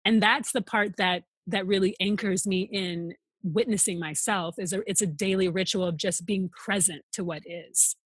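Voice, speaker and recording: A woman's voice: medium pitch, steady tone, normal speed, few pauses, slightly rough, dry recording. A woman guest on a podcast, answering questions earnestly and thoughtfully, often speaking in flowing lists. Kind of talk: reflective interview answers.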